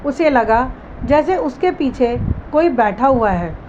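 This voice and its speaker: A woman's voice: sits high, expressive, takes it slowly, a little mellow, highs cut off, slight background noise. A woman narrating a dramatic story and voicing its characters' dialogue in her own voice.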